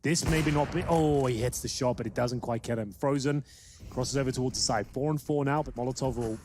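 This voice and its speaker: A man's voice: mid-range voice, a little fast. A man giving live esports commentary as a caster. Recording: clear game noise with gunfire.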